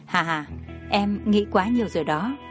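A woman voicing a stern but gentle young man in a storybook reading, speaking calmly. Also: mid-range voice, moderate pace, faint music behind, close to an everyday voice. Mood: reassuring.

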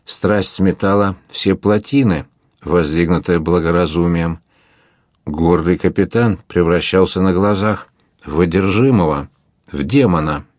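A man narrating an adventure novel as an audiobook, reading in a measured, dramatic way. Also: low-pitched, darkish tone, dry recording, clean studio sound. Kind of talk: scripted narration.

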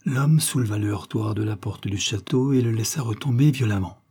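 A man narrating a detective novel aloud in a measured storytelling manner. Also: lowish voice, dark tone, breathy edge. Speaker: audiobook narrator. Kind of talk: scripted narration.

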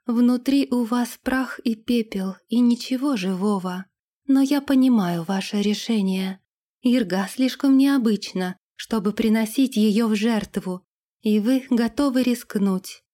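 A woman's voice: on the high side, unhurried, mellow, lightly acted. A proud young noblewoman in a storybook, scornful and cutting, her voice lifted as a woman reader puts her on. She speaks with cold, biting contempt.

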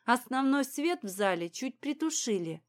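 A woman reading an audiobook in a calm, even storytelling manner. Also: high-pitched, normal speed. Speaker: audiobook narrator. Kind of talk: scripted audiobook narration.

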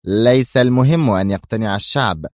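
A man voicing a sharp, cold female national security adviser in an audiobook, speaking curtly. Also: fairly low pitch, brisk, no room sound, clean studio sound, lightly acted. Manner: sharp, curt.

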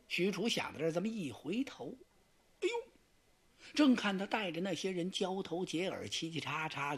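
A storyteller telling a traditional tale in a radio studio, dramatic and lively, with vocal sound effects. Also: mid-range voice, breathy edge.

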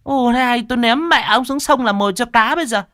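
A man voicing a sharp-tongued middle-aged boatman's wife who nags and threatens her husband. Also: extremely high pitch, clean tone, no echo, clean studio sound, pitched above the performer's own voice. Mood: scolding. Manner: scolding, nagging, quick.

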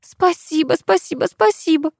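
A woman's voice: very high-pitched, moderate pace, creaky, darkish tone, no echo, clean studio sound, voice pushed up. A woman reading an audiobook, voicing a flustered young woman who repeats her thanks like a stuck record.

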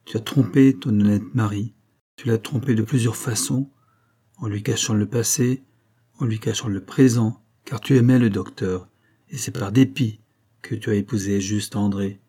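A man's voice: lowish voice, fairly even intonation, moderate pace, dark tone. A man reading an audiobook voices a dying old female servant who solemnly reproaches the young woman she raised. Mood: stern.

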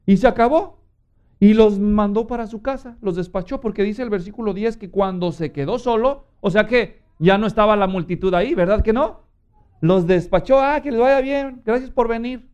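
Mexican man, preacher, sermon, high-pitched, dull lo-fi recording. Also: moderate pace, clear, resonant tone. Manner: animated storytelling with acted-out voices.

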